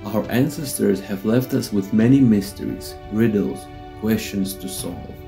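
A man narrating a documentary script in a steady, measured way, with slightly non-native phrasing. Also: lowish voice, vocal fry, faint music behind, low-quality recording.

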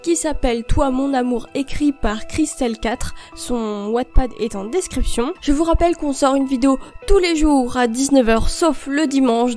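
A woman's voice: sits high, mellow. A woman hosting a channel, greeting viewers and chatting directly to them in a friendly introduction. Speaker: channel host.

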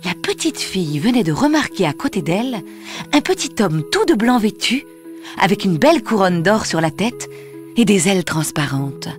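A woman's voice: mid-range voice, normal speed. Woman reading a storybook over music. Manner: gentle, expressive reading. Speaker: narrator. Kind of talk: storybook narration. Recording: music under the voice. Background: soft music.

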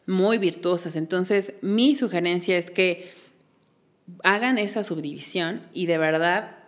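A woman's voice: on the low side, measured pace. A woman, a belly dance teacher, explaining patiently in a casual interview and counting beats aloud.

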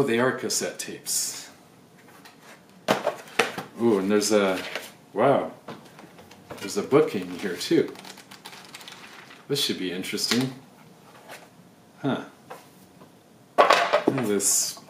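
A man thinking aloud with wry asides while unboxing items on camera. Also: lowish voice. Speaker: video creator unboxing items. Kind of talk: casual unboxing commentary. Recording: roomy echo, faint background noise.

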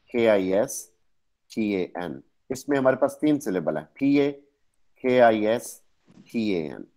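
A man's voice: mid-range voice, warm tone. A man with a Pakistani accent giving an online lecture, explaining step by step and correcting his own slips. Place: online class.

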